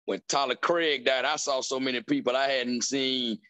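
A man's voice: mid-range voice, steady tone, normal speed, pushed and bright, clear, resonant tone, dry recording. A man hosting a podcast, asking questions and joking around in casual slang. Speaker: podcast host, comedian.

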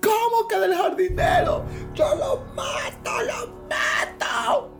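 An actor voicing an anxious, timid husband in a comic radio sketch, his voice swinging widely up and down. He speaks slowly and uncertainly, and music plays behind him. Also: sits high, big pitch swings, exaggerated voice. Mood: panicked. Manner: hesitant, then panicky shouting. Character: timid middle-aged husband, anxious and easily shaken.

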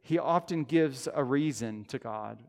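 A man in his thirties preaching a sermon as pastor, earnest and conversational, rising to loud emphatic peaks. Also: medium pitch, measured pace. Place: church sanctuary. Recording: long church-hall reverb.

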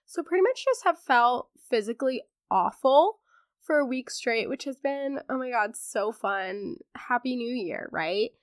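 This podcast's teenage host sounds congested as she recovers from laryngitis, chatting in a sarcastic, filler-heavy way. Her voice is a little high, expressive and unhurried, captured in studio quality with no echo.

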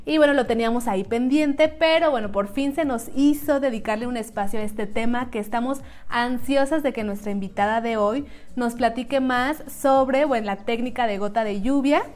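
Woman, podcast co-host, easygoing, conversational, slightly high pitch. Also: normal speed, darkish tone. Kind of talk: casual chat.

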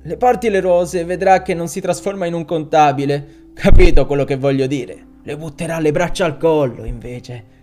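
A man's voice: a little high, moderate pace, darkish tone, soft background music, natural voice. A man voicing a chatty, folksy street florist who banters like a salesman. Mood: jovial. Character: chatty middle-aged male street florist.

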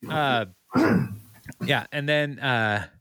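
A man's voice: mid-range voice, extremely slow, pushed and bright, clear, resonant tone, no room sound, clean studio sound. A man hosting a podcast, casually recapping a TV episode with frequent laughs and filler words. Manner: laughs often, many ums and uhs. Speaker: podcast host.

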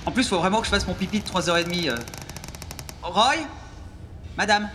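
A hapless male sidekick whines nervously in a high, sharp voice. He is naive and anxious, in a comedy audio drama with noisy ambience behind him. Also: a little fast, in a large hall. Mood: nervous, embarrassed. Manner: whiny, nervous.

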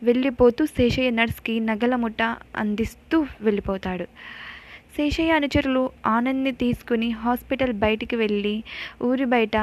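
A woman narrating a horror story in a steady, measured way. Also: a little high.

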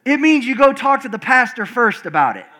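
Speaking fairly quickly, a pastor gives an animated sermon with call and response before his congregation at a church service. His screechy, loud voice shifts from towering high outbursts to soft, low stretches marked by many restarts.

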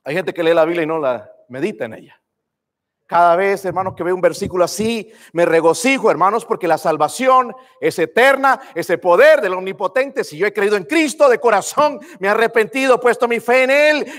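Male preacher with a high-pitched voice, fervent, addresses the congregation directly, long church reverb. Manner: fervent, calls out to the congregation with "hermanos" and "amén". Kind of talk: sermon. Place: church sanctuary.

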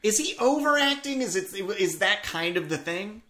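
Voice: medium pitch, very animated, normal speed, fairly bright tone. A podcast co-host in casual chat about a TV episode, enthusiastic and swearing casually.

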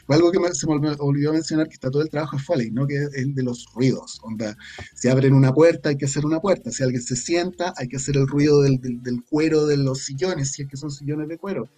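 Fast and warm, this man's fairly high voice carries a Chilean Spanish accent. As a guest being interviewed about his work as an audio drama creator and scriptwriter, he reflects casually and drops in plenty of colloquial slang.

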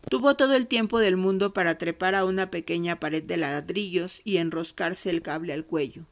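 A woman with an Argentine accent reading literary nonfiction in a measured, somber way. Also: lowish voice. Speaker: narrator.

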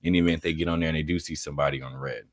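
Deep voiced guy asking questions, earnest, dry close sound. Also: fairly even intonation, very fast, no echo. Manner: earnest, frequent agreeing murmurs. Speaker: interviewer. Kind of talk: casual interview talk.

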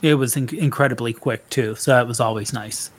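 A middle-aged man co-hosts a casual podcast chat, speaking a little fast at medium pitch. He rambles somewhat, corrects himself as he goes and chuckles often.

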